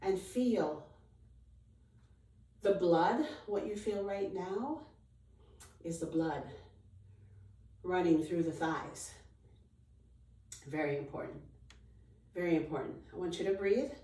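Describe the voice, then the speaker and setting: Woman aerobics instructor, slow counts n short encouraging cues, echoey room, mic kinda far away. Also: fairly low pitch, animated, dark tone. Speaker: fitness instructor leading a chair workout. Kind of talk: aerobics instruction, counting reps and cueing form. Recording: roomy echo, distant microphone.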